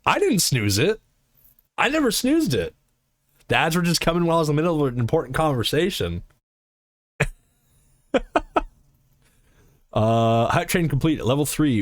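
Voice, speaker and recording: A man's voice: fairly high pitch, big pitch swings, normal speed, pauses often, no room sound, studio quality. A man streaming live, chatting casually and answering his chat in a rambling, swearing way.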